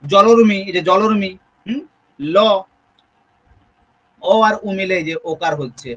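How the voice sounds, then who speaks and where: A Sanskrit tutor with a Bengali accent teaches an exam-prep grammar lesson, explaining step by step and checking in with students through frequent questions. His voice sits high with a fairly bright tone and a slightly slow pace, and the sound is lo-fi.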